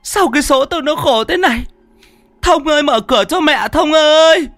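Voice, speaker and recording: A man voicing a frantic elderly mother, calling out desperately in a high strained falsetto. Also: moderate pace, a bit bright, no room sound, faint music behind. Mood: wailing.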